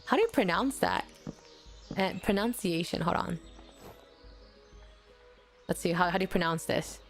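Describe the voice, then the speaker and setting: A woman's voice: fairly low pitch, animated, normal speed, faint music behind. A young woman streaming a game, chatting casually with viewers, giggling often and restarting her words, and English is not her first language. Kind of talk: casual gaming stream chat.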